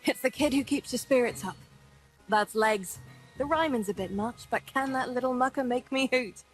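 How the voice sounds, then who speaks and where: A woman's voice: on the high side, normal speed, soft background music, natural voice, rough recording. An actress playing a tough, wisecracking woman squad leader in video game dialogue, brash and teasing with nicknames for everyone.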